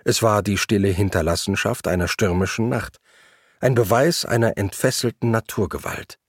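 A low-voiced man reads a first-person travel story in measured, reflective narration. His voice is husky and breathy. The recording is dry and close, with no room sound. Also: no room sound.

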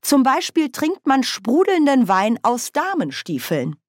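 A cheerful old witch woman who gossips with relish, voiced by a woman reading aloud. She chatters on with a bright, lifted pitch. The sound is close and dry, with no room around it. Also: sing-song, a little slow, dry recording. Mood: gossipy. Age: older.

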